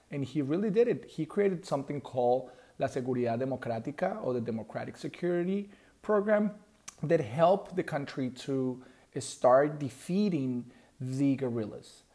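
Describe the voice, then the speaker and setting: A man with a Colombian Spanish accent delivers solo podcast commentary in a mellow, warm voice. He explains earnestly and fills pauses with frequent ums and uhs. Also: a little high. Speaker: podcast host.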